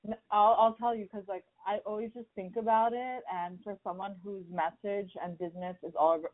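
A woman's voice: medium pitch, fairly even intonation, fairly quick. A woman hosting an interview podcast, chatty and full of fillers as she tells stories and asks questions. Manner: chatty, filler-heavy, storytelling. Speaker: podcast host. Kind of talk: casual interview chat. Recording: tinny phone-like sound.

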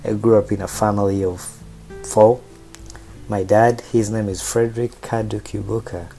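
Relaxed low-voiced Ugandan man. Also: vocal fry, soft background music. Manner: relaxed, unhurried, with frequent pauses and fillers. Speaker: podcast host. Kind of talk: casual personal storytelling podcast.

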